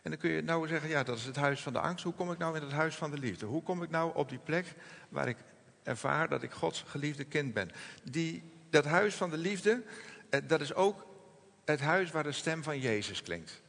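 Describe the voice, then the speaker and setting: A man preaching a sermon in a gentle, reflective manner, slowing and softening his voice on quoted words. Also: fairly high pitch, lively intonation, vocal fry, in a large hall. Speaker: pastor.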